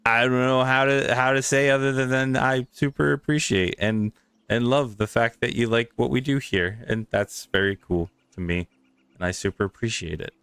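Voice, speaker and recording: A man's voice: mid-range voice, fairly even intonation, normal speed, fairly bright tone, clear, resonant tone, no echo. A man acting as game master, wrapping up a live tabletop game stream and thanking viewers in a rambling, grateful way with many restarts.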